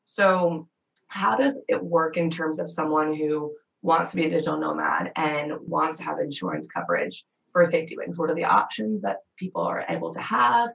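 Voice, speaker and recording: A woman's voice: low voice, vocal fry, fairly bright tone, recorded from a distance, dull audio. Upbeat woman hosting a podcast. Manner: enthusiastic, bubbly. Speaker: podcast host.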